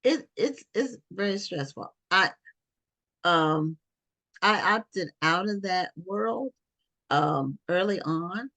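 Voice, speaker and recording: A woman hosting an interview, calm and affirming as she shares her own story. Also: on the low side. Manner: unhurried, affirming listener. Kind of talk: interview conversation.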